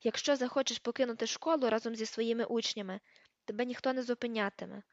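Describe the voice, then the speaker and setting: A woman reading the part of a stern, commanding older female professor in an audiobook, giving crisp, sharp orders. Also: on the high side, fairly even intonation, quick pace, no room sound, dull audio, close to an everyday voice.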